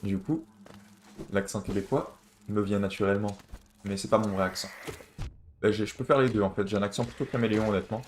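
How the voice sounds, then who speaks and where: A man's voice: lowish voice, fairly even intonation, a little fast, slight background noise. A man from France with a French accent, giving casual let's-play commentary while swearing and chatting. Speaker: streamer.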